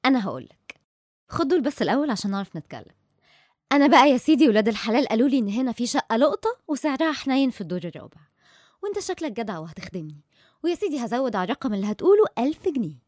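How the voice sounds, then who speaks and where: A determined Egyptian doctor in a radio serial, speaking very fast in a fairly high voice. She is assertive and persuasive. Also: sing-song, darkish tone, dry recording, studio quality. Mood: coaxing. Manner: assertive, coaxing. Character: determined, persuasive female doctor investigating a mystery. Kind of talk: radio drama acting.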